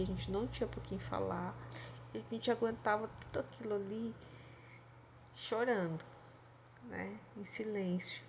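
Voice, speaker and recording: An adult woman shares a painful personal memory with her viewers, speaking in a heartfelt, rambling way. Her voice has a gravelly, creaky texture, and she keeps checking in with little tag questions. A faint hiss sits behind her. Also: mid-range voice. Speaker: storyteller on her own channel. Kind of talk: confessional personal storytelling.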